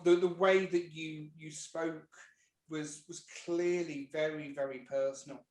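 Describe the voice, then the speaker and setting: A man hosting an online meeting, enthusiastic and halting, often repeating words. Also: a little high, reverberant, low-quality recording. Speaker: host.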